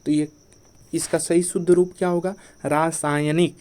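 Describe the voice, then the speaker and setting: A male teacher gives an exam-prep grammar lesson in a slightly high but mellow, warm voice. He drills his points by asking a question and answering it himself, over and over. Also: little pitch movement, moderate pace. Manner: repeats each point as a quiz question, then answers it. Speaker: Hindi teacher.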